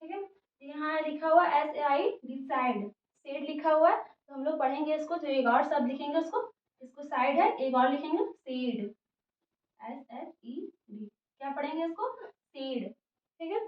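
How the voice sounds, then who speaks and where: High-voiced woman teacher in an echoey room. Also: moderate pace. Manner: spells words out letter by letter, repeats "theek hai" often. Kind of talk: English spelling and pronunciation lesson. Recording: muffled, echoey room, voice from a distance.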